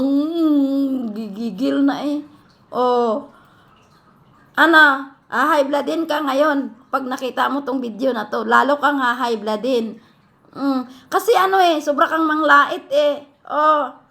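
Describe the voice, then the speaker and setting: A woman in a heated vlog rant, scolding her critics and firing off rapid rhetorical questions. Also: high voice, gravelly, pushed and bright. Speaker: vlogger answering critics. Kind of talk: heated direct-to-camera rant.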